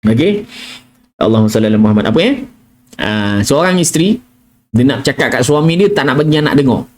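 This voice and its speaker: A man's voice: mid-range voice, animated, a little fast. A middle-aged man with a Malaysian Malay accent giving a casual live tajwid lesson, chatty and peppering his talk with "kan?" and "ah", now and then demonstrating letter sounds in a whisper or in chanted recitation. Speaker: Quran recitation teacher.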